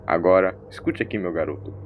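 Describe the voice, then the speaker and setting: A man's voice: deep voice, fast talker, phone-quality sound, slight background noise. Man playing the Doctor, a grumpy old grandfather. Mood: irritated, dismissive. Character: grumpy, dismissive old grandfather, learned alien traveller.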